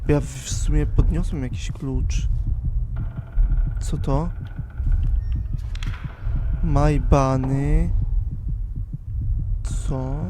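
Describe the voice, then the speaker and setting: A man's voice: medium pitch, fairly even intonation, drawn-out words, pauses often, noisy background. A man streaming a horror game, muttering and swearing as he plays. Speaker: gaming streamer. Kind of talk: live horror game commentary.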